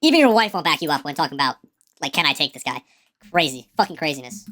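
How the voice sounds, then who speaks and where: A woman's voice: deep voice, very animated, quick pace, fairly bright tone. A woman giving casual reaction commentary on songs, slangy and profane, often repeating words as she stumbles. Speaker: music reaction streamer. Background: faint song playing.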